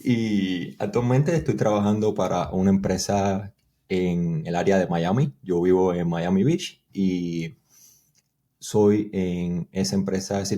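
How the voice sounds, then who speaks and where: A man's voice: sits low, mellow. A man from Cuba with a Cuban Spanish accent, answering interview questions in a thoughtful, explanatory way and sometimes restarting his sentences. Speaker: guest engineer.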